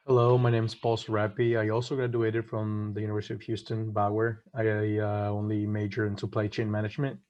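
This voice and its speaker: A man's voice: fairly low pitch, completely flat delivery, a little fast, hardly any pauses, darkish tone. A young man in his twenties from Mexico, answering eagerly and casually as a guest on a webinar panel over a video call. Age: 20s. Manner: eager, self-described hyperactive, casual talk. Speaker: guest consultant. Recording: dull lo-fi video call audio.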